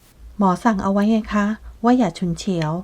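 A woman doing a hoarse bedridden old lady. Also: medium pitch, moderate pace, darkish tone, close to an everyday voice. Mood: furious. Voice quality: hoarse, dry voice. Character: older bedridden wealthy woman, frail and angry.

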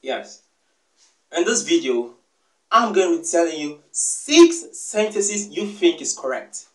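A man's voice: a little high, very animated, slow, fairly bright tone. Echoey, distant man teaching English. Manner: repetitive, emphatic corrections with frequent "yes" and "okay". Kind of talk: casual spoken lesson. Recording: echoey room, voice from far off the mic.

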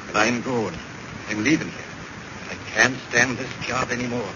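A man's voice: mid-range voice, normal speed, natural voice. A man playing a jittery, fearful old stage doorman with a menacing side in a 1940s radio drama. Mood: nervous, fearful. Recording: dull, noisy 1940s radio recording.

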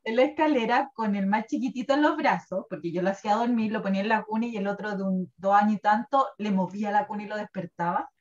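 A woman's voice: mid-range voice, fast, hardly any pauses. Chatty Chilean woman on a dull recording. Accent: Chilean Spanish. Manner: chatty and animated, laughs often, tells things with feeling. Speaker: guest presenting wellness products. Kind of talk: casual chat.

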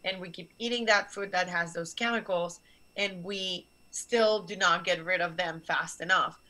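A young guest scientist originally from Barcelona, Spain, explains science earnestly to students over a video call from a small office, gesturing as she talks. Her lowish voice is steady, bright and forceful at a normal speed, and the webcam audio is poor.

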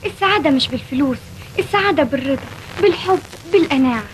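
An actress playing the shop owner's devoted young daughter, who speaks in earnest declarations with an Egyptian accent. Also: female voice, sits high, expressive, rapid-fire, slight background noise, low-quality recording. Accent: Egyptian Arabic.

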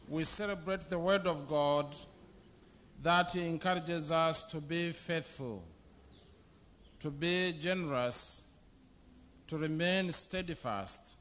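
Slow-speaking bishop at a podium. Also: male voice, a little high, fairly bright tone, a little hiss or hum. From Zambia. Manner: slow, measured delivery in short phrases. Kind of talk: sermon. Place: outdoor covered church venue. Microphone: podium microphone.

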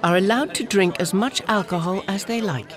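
A man's voice: sits high, moderate pace. A man reading scripted documentary narration as a voice-over. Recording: voice-over over music and crowd.

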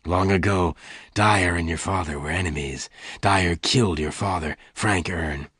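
A male reader acts out a gruff yet gentle gunman in a dramatised western storybook, with heavy acting. His voice is very deep and quiet, the delivery deliberate and solemn, and the sound is dry, close, and free of echo.

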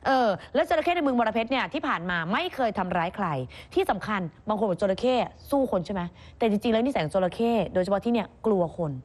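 A young woman co-hosts a morning news chat in quick, lively bursts. Her voice sits a touch high, and she tells each story with a playful, teasing edge. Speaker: news show co-host. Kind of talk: chatty news talk.

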